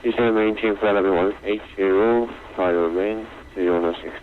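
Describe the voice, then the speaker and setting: A man's voice: lowish voice, fairly even intonation, moderate pace. A man speaking as a pilot on the radio, reading back instructions in clipped procedural phrases. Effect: radio transmission. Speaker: airline pilot on an online flight simulation network. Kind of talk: air traffic radio readbacks. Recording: muffled lo-fi radio with faint noise.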